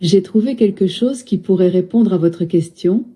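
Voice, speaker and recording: Brief: a synthetic female smart-speaker voice, polite and measured, mellow and breathy. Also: lowish voice. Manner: polite, evenly paced, announcer-like. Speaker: voice assistant. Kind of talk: synthetic assistant replies.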